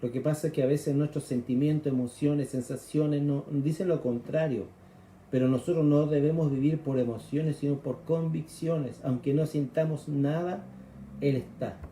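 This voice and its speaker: A man's voice: on the high side, steady tone, normal speed, dark tone, roomy sound, slight background noise. A man with a Chilean accent preaching a sermon, explaining scripture conversationally and acting out the cries of frightened people. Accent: Chilean Spanish.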